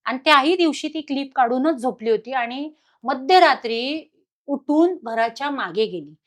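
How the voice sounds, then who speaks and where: Woman, podcast guest, personal haunting story, dramatic storytelling, fairly high pitch. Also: expressive, moderate pace.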